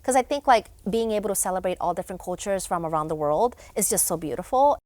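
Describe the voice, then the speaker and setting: A woman's voice: medium pitch, animated, quick pace, darkish tone, dry recording. A young woman from Honduras, a guest in a studio interview, talking casually with many fillers and restarts. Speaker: guest, event founder.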